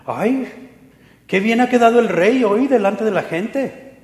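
Man doing a scornful royal wife, sneering, pitched up, roomy hall sound. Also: expressive, slow, a little mellow. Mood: mocking. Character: scornful royal woman sneering at her husband. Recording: echoey hall.

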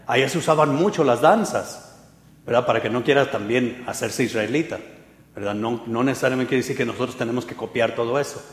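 Male pastor, casual sermon, mid pitch, reverberant church hall. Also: brisk. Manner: conversational, asks listeners for agreement. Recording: echoey hall.

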